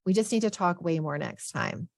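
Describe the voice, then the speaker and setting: Hesitant young female student, woman reading her lines, low and dry. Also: very animated, normal speed, vocal fry, no echo.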